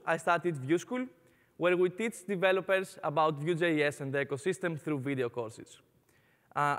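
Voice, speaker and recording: A young Greek man with a Greek accent gives an upbeat conference talk on stage in a large hall, often dropping "uh" fillers. His voice sits on the high side, and a long reverb tail trails after it.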